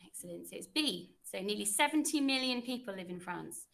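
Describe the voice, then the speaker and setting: A woman's voice: mid-range voice, animated, a little fast, gravelly, fairly bright tone. A young woman, a French teacher, running a classroom quiz with pupils in an encouraging, chatty way.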